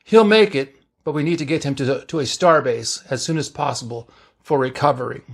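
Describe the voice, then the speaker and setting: A man's voice: mid-range voice, a little fast, vocal fry. A man voicing an irritable middle-aged male ship's doctor, brusque and exclamatory.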